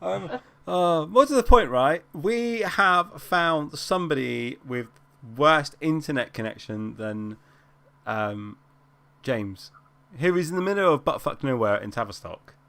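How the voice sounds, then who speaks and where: A man's voice: fairly high pitch, lively intonation, a little slow, creaky, fairly bright tone. A man hosting a live stream on a video call, chatting casually, laughing often and swearing freely. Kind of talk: casual chat.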